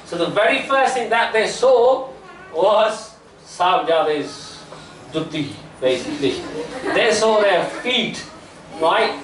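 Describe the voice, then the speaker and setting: A male teacher at a children's religious camp tells a slow, animated storytelling lesson in a high, fairly bright voice, often checking in with "right?" and "okay?" as he explains. He's in a small indoor classroom full of seated kids, and the recording is distant and echoey with faint background noise.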